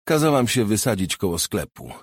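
Guy reading a wired streetwise young woman, teasing, poking at him, low husky voice. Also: big pitch swings, moderate pace, dry recording, studio quality.

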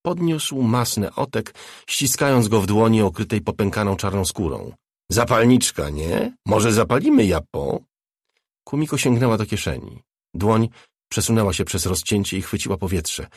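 A man reading a novel aloud as an audiobook narrator, in a measured, even delivery. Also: fairly low pitch, no room sound, clean studio sound. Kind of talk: scripted narration.

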